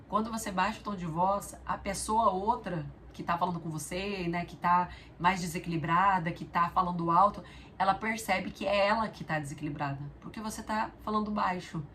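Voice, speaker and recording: An earnest woman sharing personal stories and spiritual reflections, speaking directly to her listener. Her voice sits at an ordinary middle pitch. A faint hiss of background noise runs under the recording. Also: a bit bright. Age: adult mother of a young daughter. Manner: earnest, storytelling, addresses viewer directly. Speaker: spiritual video host. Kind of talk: reflective spiritual talk to camera.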